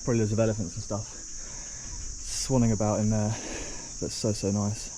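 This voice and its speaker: A man's voice: on the low side, completely flat delivery, brisk, mellow. Male travel vlogger, casual rambling delivery, handheld camera outdoors, audible insect noise. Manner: chatty, rambling, lots of ums. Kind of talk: casual travel vlog narration. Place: outdoors on a rock trail.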